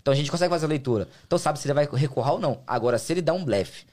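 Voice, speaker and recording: A man's voice: on the high side, animated, very fast, a little mellow. A man with a Brazilian Portuguese accent, explaining American football in slangy, casual interview talk as a player and guest. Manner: slangy, colloquial, explains with examples.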